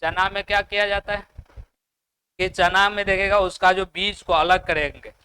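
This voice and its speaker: High, bright-voiced Bihari teacher lecturing. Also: male voice, flat delivery, normal speed, a little hiss or hum. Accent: Bihari Hindi. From Bihar, India. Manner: explains by asking the class and answering himself, with frequent "है ना" tags. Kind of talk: classroom lecture.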